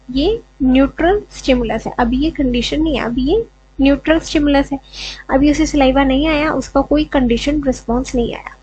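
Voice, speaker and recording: A woman's voice: high voice, a little mellow, muffled recording. A woman teaching an education lesson, explaining step by step and often checking in with "okay". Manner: mixes English terms, repeats "ठीक है" often.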